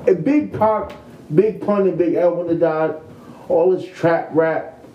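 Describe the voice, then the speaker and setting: A man's voice: a little high, a little slow, dull audio. A young man in casual podcast chat, brash and blunt, cutting in often. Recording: echoey room with faint ambience.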